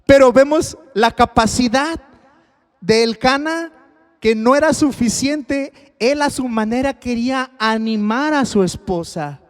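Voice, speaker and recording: Man, Mexican accent, pastor preaching, very high voice, long hall reverb. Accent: Mexican Spanish. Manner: conversational, quizzes the congregation. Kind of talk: sermon on marriage. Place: church hall.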